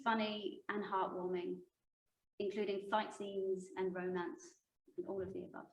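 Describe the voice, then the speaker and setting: Woman, circus artist; measured, prepared read; distant reverberant stage. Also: medium pitch. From England. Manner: measured, read-aloud delivery. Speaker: circus performer pitching a show. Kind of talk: reading a prepared pitch. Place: arts centre stage before a live audience. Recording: echoey hall from far off, faint noise.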